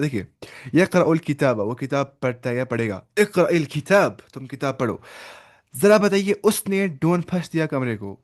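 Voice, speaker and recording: A man's voice: mid-range voice, a little mellow. A male language teacher in an online lesson, who drills phrases, repeats them and prompts his student to answer. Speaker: Arabic teacher.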